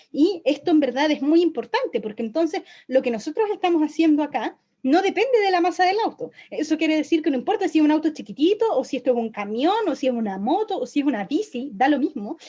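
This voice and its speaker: A woman's voice: high voice, mellow. Woman teaching physics, checking in. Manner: explanatory, checks in with frequent "¿sí?". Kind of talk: recorded online lecture. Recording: dull, lo-fi lecture audio.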